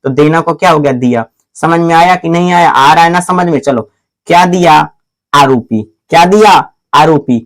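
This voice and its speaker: A man teaching a grammar lesson in a classroom style, asking questions and answering them himself over and over, calling the viewer "my brother" and spelling out letters slowly. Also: a little high. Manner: repetitive call-and-response questioning, answers his own questions; slow, deliberate spelling out of letters.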